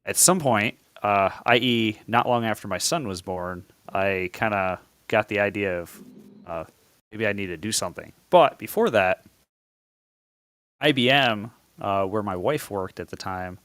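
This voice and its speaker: A man in his forties, a guest on a podcast, telling his story in a relaxed, self-deprecating way with many fillers. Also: fairly low pitch, measured pace, dry recording. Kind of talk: casual podcast interview.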